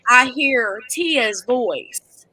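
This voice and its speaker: Bright-voiced woman telling a story. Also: a little high, extremely slow, husky, no room sound, rough recording. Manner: lively storyteller. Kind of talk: casual chat.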